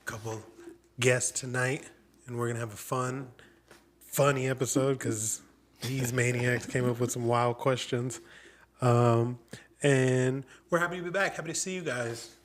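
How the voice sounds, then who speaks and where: A man's voice: mid-range voice, steady tone, a little slow. A man in his thirties hosting a podcast in loose, joking casual chat, swearing freely. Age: 30s. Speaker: podcast host.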